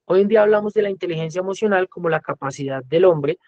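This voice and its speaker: Colombian man, music teacher giving a talk, fairly high voice, dry dull lo-fi sound. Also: quick pace, darkish tone, no echo. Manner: conversational lecturing, often acting out quoted voices. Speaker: music teacher, guest speaker. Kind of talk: educational talk.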